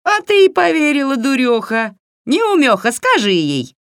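Woman putting on a shrill sneering old witch. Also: very animated, moderate pace, no echo, studio quality. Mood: mocking.

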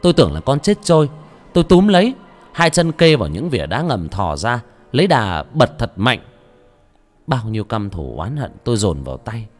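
Expressive male horror story narrator. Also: medium pitch, normal speed, soft background music. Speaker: audiobook narrator and channel host. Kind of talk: horror audiobook narration, then casual chat.

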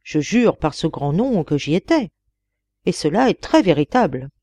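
A woman's voice: deep voice, sing-song, normal speed, mellow, husky, dry recording, heavily acted. A woman reading the part of a powerful male genie in a tale, speaking grandly and then begging. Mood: boastful. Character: mighty male genie, proud then pleading.

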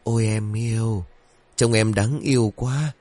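A man voicing a demon possessing a young man, with a slow, lecherous drawl. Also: on the low side, steady tone, dark tone, no echo, close to an everyday voice. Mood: leering.

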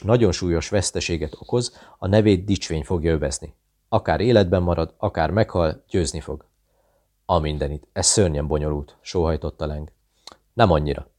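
Deep-voiced man reading a novel aloud. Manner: steady, measured reading that voices dialogue within the narration. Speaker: audiobook narrator. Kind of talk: scripted narration.

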